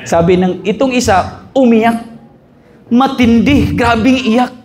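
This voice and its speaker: A man pastor preaching a conference sermon in a church, jokey and animated, mixing in English phrases and asking "amen?" often. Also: very high voice, slow, a little hiss or hum. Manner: mixes Tagalog with English phrases.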